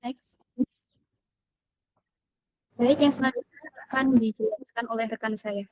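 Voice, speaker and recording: A young woman introduces her group to the class and lays out the topics in a formal, list-like way. Her voice sits a little high. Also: fairly even intonation, a little slow, a little mellow, poor audio. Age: young adult. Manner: formal, reads a list of points. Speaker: student presenter.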